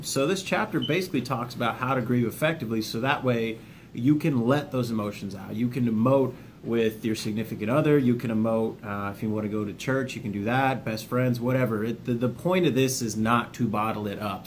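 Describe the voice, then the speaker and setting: In this informal video, a man with a mid-range voice, an army veteran, shares self-help lessons in a folksy, plainspoken way, talking right to his audience and now and then cracking a joke. At points he reads from a book overview. Some light hiss or hum is audible.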